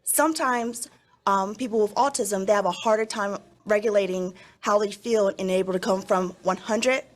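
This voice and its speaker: A woman's voice: medium pitch, moderate pace. A woman teacher explaining things to young children in simple, instructive phrases during a school announcement.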